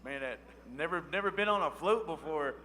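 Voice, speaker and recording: A man's voice: on the high side, expressive, a little fast, sharp tone, long reverb tail. A man from Oklahoma, a powwow emcee chatting and announcing in an easygoing, folksy, conversational way. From Oklahoma, USA.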